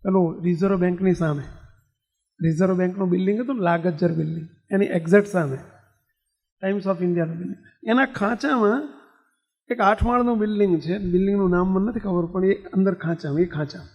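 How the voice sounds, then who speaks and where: Male swami, high voice, questions and chants with a temple congregation; dull lo-fi recording with long hall echo. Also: steady tone, quick pace. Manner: questions the audience and leads call-and-response chanting. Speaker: swami preacher. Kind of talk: religious discourse to a live congregation.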